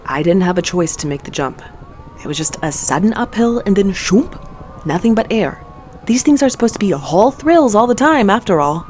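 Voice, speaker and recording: A woman's voice: on the low side, animated, normal speed, darkish tone, lightly acted. A woman playing a sardonic, profane young narrator. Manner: sarcastic and profane, often panicky. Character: sardonic young woman narrating her own reckless stunt. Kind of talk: first-person audio drama narration. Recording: audible background noise.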